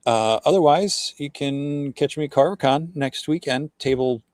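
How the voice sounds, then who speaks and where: A man's voice: fairly high pitch, moderate pace, a little mellow, dry recording. A man in his forties co-hosting a casual chat, rambling with lots of fillers. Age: 40s. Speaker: co-host.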